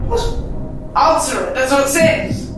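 A high-voiced young man trades blunt, sweary banter in a casual challenge video. The sound bounces heavily off bathroom walls, with music behind him. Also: expressive, unhurried. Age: young adult. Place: small tiled bathroom indoors. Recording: echoey bathroom, distant mic, background music.

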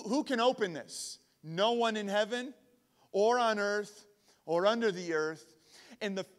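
A man giving a casual youth sermon, often repeating words as he builds his points. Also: high voice. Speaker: camp speaker. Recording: long hall reverb.

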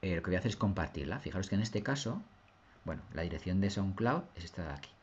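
Low-voiced man teaching a tutorial. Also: lively intonation, fast talker, darkish tone, muffled recording, slight background noise. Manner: patient, step-by-step, often asks "¿lo veis?". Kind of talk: screen-recorded software tutorial.

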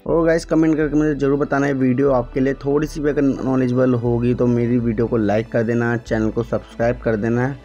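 A man's voice: mid-range voice, warm tone. A man who runs a salon channel, explaining a hair colouring job step by step and often calling the viewers "guys". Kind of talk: hands-on tutorial narration. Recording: dull lo-fi audio with faint music.

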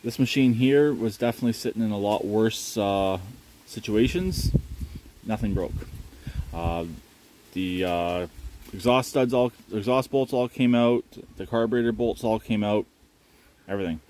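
Man, fairly low voice, relaxed rambling tinkerer narrating a tractor fix outside. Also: normal speed. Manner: relaxed, rambling, many fillers. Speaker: channel host working on a lawn tractor. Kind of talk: casual off-camera repair narration. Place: outdoors in a yard beside a shed.

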